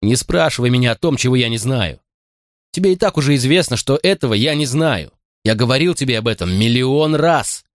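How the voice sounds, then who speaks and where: An audiobook reader voicing a gentle, bewildered grown man who earnestly insists he doesn't know the answers. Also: medium pitch, animated, brisk, dry recording, clean studio sound, voice pushed up, lightly acted. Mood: hurt.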